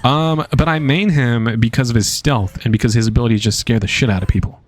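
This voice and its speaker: A man streaming a video game and commentating live, casual and excitable, swearing freely. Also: mid-range voice, fast, faint music behind.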